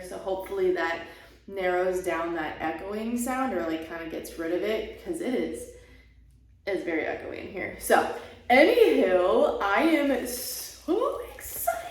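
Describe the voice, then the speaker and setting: Excitable woman vlog host, slow delivery, heavy bare-room echo, a little off-mic. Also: medium pitch, recorded from a distance. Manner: gushing and excitable. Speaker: channel host. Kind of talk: casual unboxing vlog. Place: bare, half-furnished room being set up as a studio.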